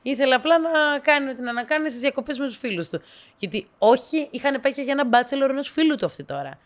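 A lively female storyteller shares casual anecdotes with her listeners, acting out the dialogue through sharp jumps in pitch.

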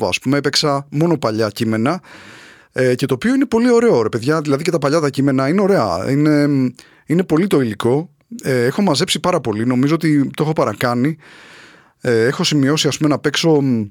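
Man, comedian, high voice, sarcastic satirical monologue, dry close sound. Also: dry recording. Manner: sarcastic and animated in the jokes, relaxed and chatty in the announcements.

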